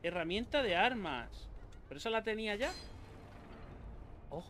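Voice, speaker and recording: A man from Spain with a Spanish accent, narrating his game as he plays, quick to swear and talk to his viewers. His voice sits high for a man. A faint background hum runs under it. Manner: excitable, swears a lot, talks to himself and viewers. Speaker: gaming YouTuber. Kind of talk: live gameplay commentary.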